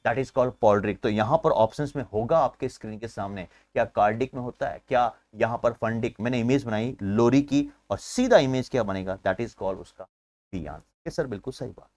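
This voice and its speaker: Energetic coaching teacher, dry sound. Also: male voice, mid-range voice, moderate pace, no room sound. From India. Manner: energetic, uses memory tricks and asks himself questions; keeps addressing viewers as friends. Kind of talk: live online exam-prep class.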